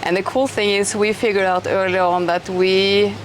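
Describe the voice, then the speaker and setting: A middle-aged woman talks with eager enthusiasm at a mid-range pitch, often restarting her sentences. She is recorded outdoors, and steady noise runs behind her voice. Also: normal speed, rough recording. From Norway. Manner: chatty and enthusiastic, with frequent restarts and fillers. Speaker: host. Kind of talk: casual conversational interview. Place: outdoors in an eco village.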